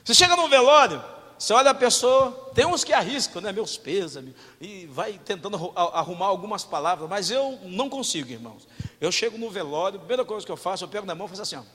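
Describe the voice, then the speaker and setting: A man preaching a sermon as pastor, animated, swinging from loud to hushed and asking the congregation questions. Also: high-pitched, fast talker, long reverb tail. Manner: talks directly to the congregation with questions.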